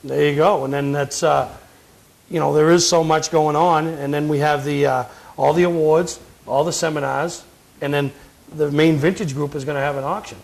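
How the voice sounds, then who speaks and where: A man's voice: a little high, steady tone, normal speed, gravelly, poor audio. A man hosting a talk show, chatting casually and prodding his guest along. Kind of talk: casual interview.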